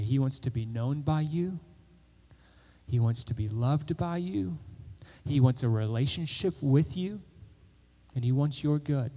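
Young pastor, male, casual sermon delivery with lots of fillers, higher-pitched voice, reverberant sanctuary sound. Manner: conversational, animated storytelling with many fillers. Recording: long reverb of a church hall.

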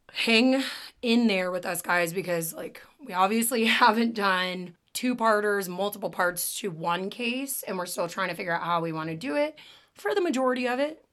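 Woman with a smoker's rasp hosting a podcast, chatty n jokey, swears a bit. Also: medium pitch, lively intonation, moderate pace, fairly bright tone. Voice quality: raspy smoker's voice. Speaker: podcast host. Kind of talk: casual true-crime podcast chat.

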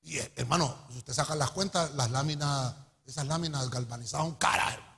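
A middle-aged man with a Honduran accent preaching a testimony sermon, telling his story in an animated way and calling his listeners brother. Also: medium pitch, fairly quick, gravelly, breathy edge. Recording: echoey hall with long reverb.

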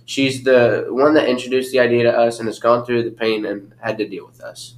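A man's voice: medium pitch, little pitch movement, fairly quick, noisy background. A teenage boy co-hosting a school podcast, joking and chatty. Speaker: student podcast co-host.

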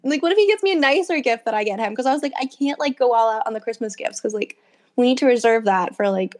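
A young woman co-hosting a podcast tells anecdotes in a casual chat, acting out who said what and saying "like" a lot. She talks fast, with a slightly high, darkish voice and lively intonation.

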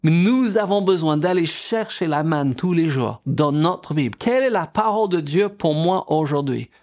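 A man's voice: fairly high pitch, lively intonation, moderate pace, a little mellow. A middle-aged male pastor preaching a sermon, quoting scripture and asking the congregation questions.

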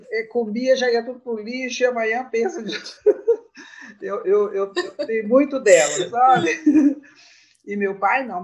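Woman in her sixties, interview guest, animated storyteller who laughs often; dull lo-fi recording. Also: on the high side. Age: 60s. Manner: warm reminiscing, laughs often. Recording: muffled lo-fi sound.

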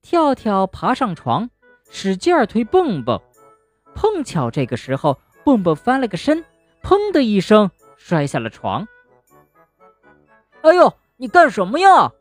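A woman narrating a children's bedtime story gently and expressively, speaking to a young listener. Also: mid-range voice, huge pitch swings, a little slow, dry recording, faint music behind.

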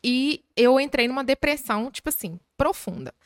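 A Brazilian woman in her thirties with a Belo Horizonte accent, a manicure talking as a podcast guest. She tells her stories animatedly, acting out quoted voices. Her voice sits a bit high and is recorded close and dry. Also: normal speed, no room sound. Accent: Belo Horizonte, Minas Gerais. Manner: animated storyteller, lively quoted voices, laughs often. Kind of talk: casual interview chat.

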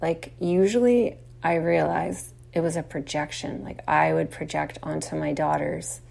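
A woman host talks through a casual, reflective monologue at an unhurried, drawn-out pace. Her low-set voice carries a steady gravelly fry. She rambles, fills gaps with little fillers and calls her listeners y'all. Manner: chatty, addresses listeners as y'all. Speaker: podcast host.

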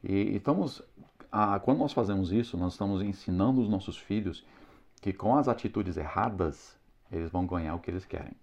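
A man teaching parents in an earnest, moralizing way, pausing often with hesitant fillers. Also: low voice, a little mellow. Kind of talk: preachy instructional talk. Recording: slightly dull lo-fi sound.

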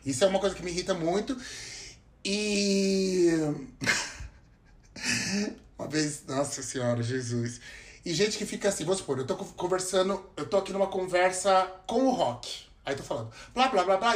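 A Brazilian man with a very high voice vents on a podcast, laughing often and acting out the people he quotes. His voice carries a roomy echo. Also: animated, moderate pace. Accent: Brazilian Portuguese. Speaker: podcast guest. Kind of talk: casual podcast chat.

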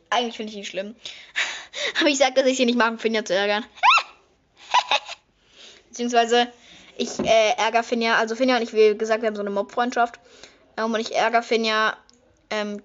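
A woman's voice: normal speed, long pauses. Chatty teenage girl, lo-fi recording. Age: teens. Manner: chatty, bursts into high excited squeals. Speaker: vlogger. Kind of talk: casual makeup vlog chat.

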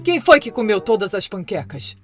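A woman voicing an impatient father who hushes his daughter in a storybook reading. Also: a little high, sing-song, moderate pace, faint music behind. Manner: gruff, hushing.

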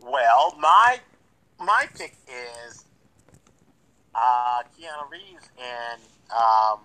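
A man's voice: medium pitch, big pitch swings, very slow, bright, forceful tone, poor audio. A man guest on a casual podcast, hesitant, often repeating words and using fillers. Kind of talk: casual chat.

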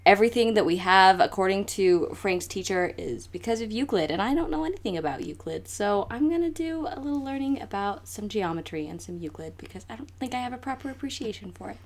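A woman's voice: medium pitch, lively intonation, brisk, hardly any pauses. A woman hosting a book podcast, chatting casually and reading out the show's sign-off. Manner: chatty, reads the outro aloud. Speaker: podcast host.

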